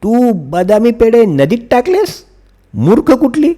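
A man voicing an excited, scolding village mother in a children's story. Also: very high-pitched, slow, pitched above the performer's own voice, full character voice. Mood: shrill scolding.

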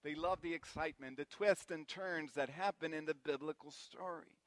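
A man from Guatemala delivers a sermon in a church, weaving family stories into it with light, self-deprecating humor. His voice sits somewhat high for a man. The sound is close and dry, with little room echo. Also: moderate pace. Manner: warm anecdotal storytelling with gentle self-deprecating humor. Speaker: preacher. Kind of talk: sermon with personal storytelling.

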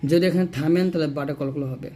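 A man with a Bangladeshi Bengali accent teaching Quran recitation, spelling out syllables one by one and chanting the verses in long, drawn-out tones. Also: a little high, fairly even intonation, warm tone, slight background noise. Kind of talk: slow spelled-out recitation lesson.

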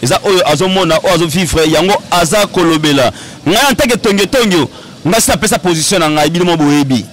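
A young man hosting a casual interview outdoors on a handheld mic, animated and quick to interject. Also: high voice, a little hiss or hum. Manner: animated, interjecting, laughs often. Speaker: host. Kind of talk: casual interview in French and Lingala. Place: outdoor courtyard set.

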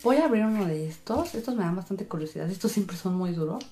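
A woman's voice: mid-range voice, lively intonation, fast talker, warm tone. A woman hosting a casual craft demonstration, narrating in a sing-song, enthusiastic, welcoming way. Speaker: host of a slime channel. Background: music.

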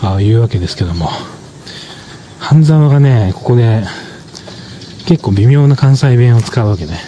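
A man giving casual explanatory commentary as a drama reviewer, talking in a measured way with lots of fillers and soft tag particles. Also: medium pitch, lively intonation, slight background noise.

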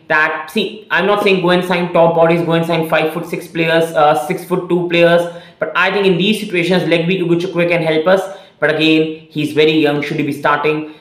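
A man's voice: fairly high pitch, a bit bright, reverberant. A young man hosting his football channel, giving opinionated fan analysis to the camera from a small room, with many fillers and restarts. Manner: opinionated, earnest, repeats phrases with many "again" and "uh" fillers.

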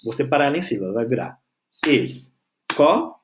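A male teacher with a slightly higher voice and very lively intonation. He explains grammar patiently, drags out syllables when he spells words, and keeps checking that the learner is following. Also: normal speed, slight background noise. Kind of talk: online grammar lesson.

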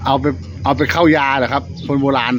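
A man's voice: mid-range voice, steady tone, fast. A man chatting casually to camera as he presents and asks questions. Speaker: vlogger presenting honey and interviewing an elder. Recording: noisy outdoor ambient sound.

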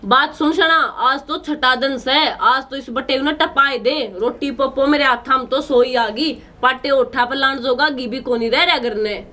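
Woman playing high-pitched sharp-tongued Haryanvi housewife. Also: a little slow, hardly any pauses, slight background noise. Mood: weary, complaining. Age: young adult. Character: sharp-tongued young village housewife, fed up with in-law. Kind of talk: Haryanvi comedy skit acting. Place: open house courtyard, outdoors.

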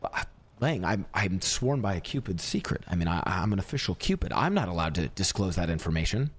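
A man's voice: sits low, big pitch swings, a little fast, slightly rough. Guy doing in-character roleplay, teasing salesman patter, voice bouncing up and down a lot. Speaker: roleplay character playing a Cupid.

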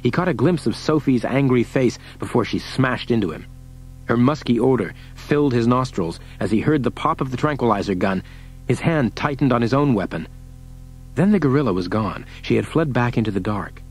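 A man narrating an audiobook in a steady, measured reading. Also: medium pitch, husky, soft background music, low-quality recording. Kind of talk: scripted narration.

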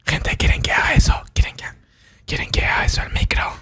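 A man's voice: a little fast, fairly bright tone, no room sound, clean studio sound. Whispering Argentine man streaming ASMR. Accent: Argentine Spanish. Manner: joking, breaks into playful outbursts. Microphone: desk microphone.

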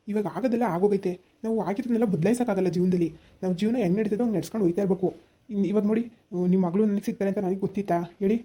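A woman voicing a young son-in-law who calmly talks his mother-in-law round in a village family drama. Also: mid-range voice, breathy edge, lightly acted. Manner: persuasive, repeated appeals. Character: reasonable young son-in-law, calm persuader.

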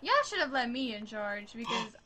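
A woman's voice: fairly high pitch, expressive, moderate pace, a crowd in the background. A woman in casual voice chat while gaming, chatty and telling stories about the group. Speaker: gamer.

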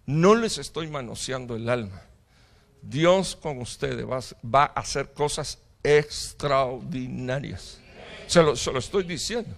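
A middle-aged man preaching a sermon as pastor, with impassioned preaching, sudden loud outbursts and jokes with the congregation. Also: mid-range voice. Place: church hall.

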